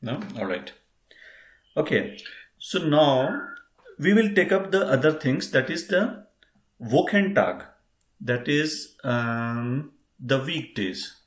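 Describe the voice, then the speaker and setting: Man, language teacher, patient, spells words out, mid pitch, echoey room. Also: big pitch swings, slow, pauses often. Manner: patient, repeats and spells words out, addresses "friends". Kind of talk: online class teaching.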